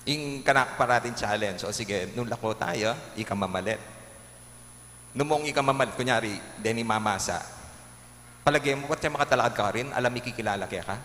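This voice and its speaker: Kapampangan-accented priest, lively homily, echoey church reverb. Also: male voice, medium pitch, brisk. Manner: preaching with lively shifts, acting out jokes and quotes. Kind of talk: homily in a live-streamed Mass. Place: large church. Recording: echoey church with long reverb, faint hum.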